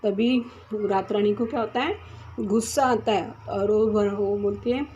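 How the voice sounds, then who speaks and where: A woman teacher reads a story lesson slowly and patiently. She repeats lines and explains them in her own words, stopping to correct herself. Her voice is mellow and soft, and the lo-fi recording carries a faint hiss. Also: medium pitch, fairly even intonation. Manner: reads each line slowly, then repeats and explains it with frequent restarts. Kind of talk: reading a Hindi lesson aloud and explaining it.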